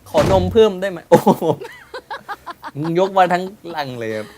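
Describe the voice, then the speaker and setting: A man's voice: high voice, lively intonation, normal speed, background noise. Joking young man doing game commentary. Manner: joking, crude banter, reads game dialogue aloud. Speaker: let's play host.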